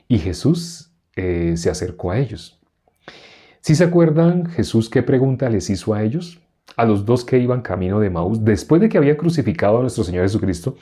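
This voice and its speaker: A man with a fairly low, mellow voice leads an interactive Bible class. He repeats verses slowly, chuckles now and then, and keeps putting questions to the group.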